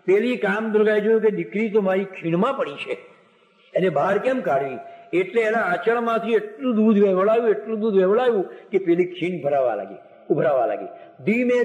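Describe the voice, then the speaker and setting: Guy with a high voice telling old religious stories, big echoey hall, long reverb. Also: lo-fi sound. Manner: lively, animated retelling of scripture tales. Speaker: religious storyteller. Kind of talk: devotional story discourse.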